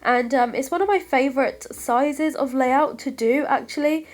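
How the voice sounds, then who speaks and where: Congested and breathless from a cold, a craft vlogger from the UK talks over footage of her scrapbooking, her voice growing faint. Young and friendly, she apologizes often and says um a lot as she chats. She speaks at a moderate pace with fairly even intonation and a slightly high pitch.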